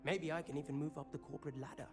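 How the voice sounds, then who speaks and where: A man's voice: fairly high pitch, steady tone, racing, a little mellow, soft background music, close to an everyday voice. A man playing an anxious coffee shop owner. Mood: worried. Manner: worried, hesitant, earnest.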